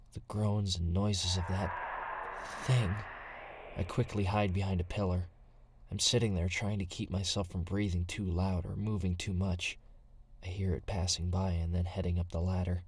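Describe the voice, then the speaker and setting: An actor plays a nervous young male survivor, narrating an audio drama in the first person with tense, hushed storytelling. His voice is low and husky, with no room sound.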